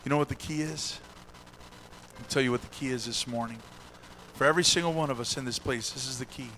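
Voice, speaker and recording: A male pastor preaching a sermon in a church, moving from hushed storytelling to shouted exhortation. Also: mid-range voice, quick pace, slight background noise, poor audio.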